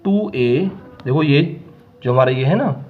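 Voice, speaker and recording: A man's voice: a little high, expressive, narrow, tinny audio, soft background music. A male maths teacher working through a problem on the board step by step, often checking that his students follow. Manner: dictates terms slowly, step by step. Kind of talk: whiteboard maths lesson.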